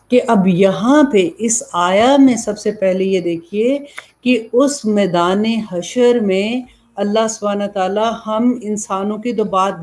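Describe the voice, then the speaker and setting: A woman's voice: medium pitch, a little mellow. Woman preacher, earnest lecturing sermon style. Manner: earnest, explanatory, asks and answers own questions. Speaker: Islamic preacher. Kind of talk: religious lecture.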